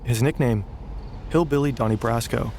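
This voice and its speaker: A man giving scripted documentary narration with a dramatic, measured delivery. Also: mid-range voice, a little mellow, slight background noise.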